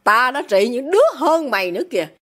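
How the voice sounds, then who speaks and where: A woman reads a furious middle-aged father who got rich by shady deals. He shouts insults at his daughter in a high, wildly swinging voice, bullying and contemptuous. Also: sing-song, brisk, full character voice. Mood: raging.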